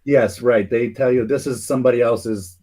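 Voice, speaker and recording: A man's voice: medium pitch, steady tone, moderate pace, dark tone. A man hosting a casual talk show, rambling through a theory with many fillers and restarts. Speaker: podcast host.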